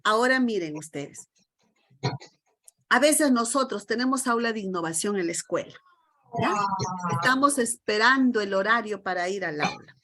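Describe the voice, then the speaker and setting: A middle-aged woman leads a lecture for teachers over a video call, emphatic and constantly putting rhetorical questions to the group. Her voice is on the high side, expressive, pushed, and bright, at a moderate pace with long pauses.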